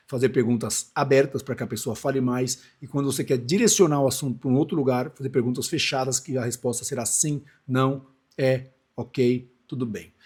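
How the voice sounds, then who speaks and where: With a medium-pitched, a little mellow, slightly rough voice, a speaking coach from Brazil in his forties talks casually on camera about public speaking. The lesson is loose and chatty, with frequent restarts and side comments.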